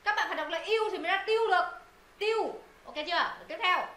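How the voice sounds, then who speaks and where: A woman's voice: very high-pitched, very fast, pushed and bright. A woman teaching English pronunciation to students, repeating words and quizzing them on the answers. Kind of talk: live pronunciation lesson to students. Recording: echoey room, faint noise.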